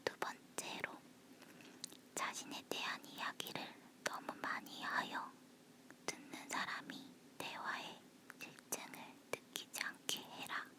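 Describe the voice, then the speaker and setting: Leaning in toward a phone that records her closely, a woman whispers slowly in a soft, breathy, unvoiced voice. It's a relaxed, conversational ASMR chat.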